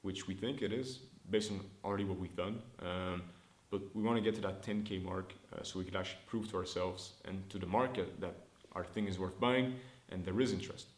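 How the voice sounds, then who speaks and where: Talking fairly quickly with hardly any pauses, a startup founder in his early twenties delivers a casual business vlog update. He comes from Montreal, Canada, and French is his first language. Chatty and upbeat in a fairly low voice, he thinks aloud and restarts sentences, filming himself on his own camera in an indoor room with a noticeable echo.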